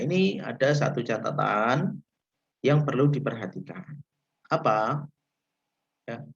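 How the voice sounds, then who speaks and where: A man from Indonesia teaching Quran recitation rules in a livestreamed lesson, patient and repetitive, saying "ya" after nearly every phrase and drawing out the recited Arabic examples slowly. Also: mid-range voice, vocal fry, dull audio. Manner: slow, patient, repeats points with frequent "ya".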